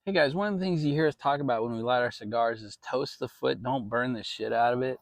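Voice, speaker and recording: A man's voice: mid-range voice, fast talker, creaky. Casual American male vlogger, easygoing and rambling, salty now and then, talking from the backyard with a dry, echo-free sound. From Maryland, United States. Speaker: vlog host. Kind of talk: casual outdoor backyard chat to viewers. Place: outdoors in a shaded backyard.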